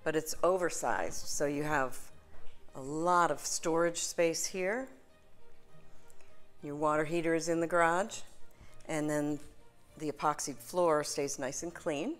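A middle-aged woman with a low voice leads a home tour as a real estate agent, upbeat and salesy. She records on a phone held at arm's length. Faint music plays underneath. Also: fairly even intonation, a little slow, pauses often. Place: inside a house, then a kitchen. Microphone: phone camera, held at arm's length.

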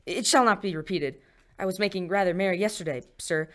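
A woman's voice: on the low side, a little fast, lightly acted. Casting note: woman playing a nervous, stammering clerk, apologetic and meek. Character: timid, apologetic male clerk.

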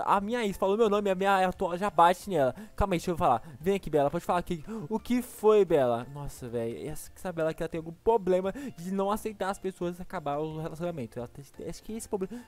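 A man with a Brazilian accent giving excited, exclaiming gameplay commentary as a gaming YouTuber. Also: sits high, fast, hardly any pauses, faint music behind. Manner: excitable, exclaiming, laughs often.

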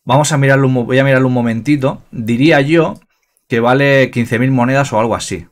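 A man giving casual, excitable gameplay commentary, swearing freely and filling pauses with fillers. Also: medium pitch. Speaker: gaming youtuber.

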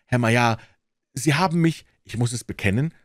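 A man's voice: mid-range voice, moderate pace, no room sound, studio quality, natural voice. A man voicing a polite, bewildered young male visitor who speaks hesitantly and deferentially.

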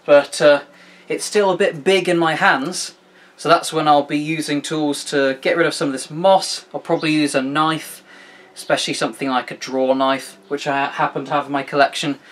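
A man with a slightly raised voice talks through a woodworking job in his home workshop. He explains each step in a relaxed, chatty way and pokes fun at himself as he goes. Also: on the high side, moderate pace. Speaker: woodworking video host. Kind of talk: casual how-to demonstration.

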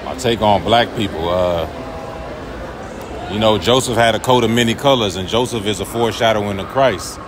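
A man's voice: on the low side, normal speed. A man preaching earnestly in a street interview, quoting scripture, with traffic noise around him.

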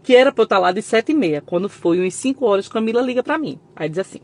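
A woman's voice: medium pitch, lively intonation, fast, darkish tone. A woman from Northeast Brazil with a Northeastern Brazilian accent, chatting emotionally with her followers in a home vlog recorded on a phone. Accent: Northeastern Brazilian Portuguese. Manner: emotional and chatty, keeps addressing viewers. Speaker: vlogger. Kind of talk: casual chat to followers.

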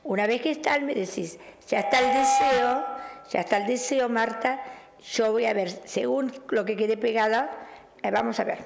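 On her fortune-telling broadcast, a middle-aged Rioplatense woman reads tarot for a caller, affectionate and talkative, calling her "querida" and "mi cielo." Her voice runs on the high side with vocal fry at a normal speed, and it hasn't fully recovered from a loss of voice.

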